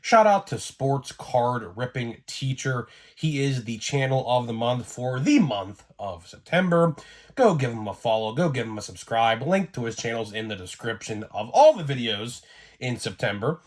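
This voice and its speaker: A man's voice: mid-range voice, moderate pace. Rambling man getting over a cold. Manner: rambling and excitable, with lots of fillers. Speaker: sports card YouTuber. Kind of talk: casual vlog commentary.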